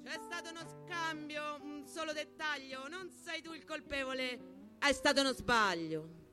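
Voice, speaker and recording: The voice is high and a little slow, belonging to a poetry performer with a Roman accent. Guitar plays beneath a theatrical, emphatic spoken-word reading of rhymed verse.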